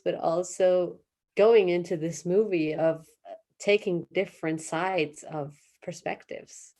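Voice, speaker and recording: A woman therapist being interviewed, talking casually with many fillers and restarts and vivid images. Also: on the low side. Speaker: therapist guest.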